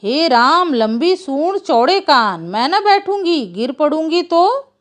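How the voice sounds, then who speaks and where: A woman's voice: high voice, sing-song, takes it slowly, heavily acted. A woman doing a sly sing-song trickster fox. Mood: fussy. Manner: sing-song rhyming wheedle, sweet and coaxing. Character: sly female fox, smooth-talking trickster.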